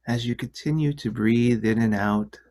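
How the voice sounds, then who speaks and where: A man leading a guided relaxation in a soft, soothing, hushed delivery that at times nears a whisper. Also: mid-range voice, moderate pace. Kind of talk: guided meditation.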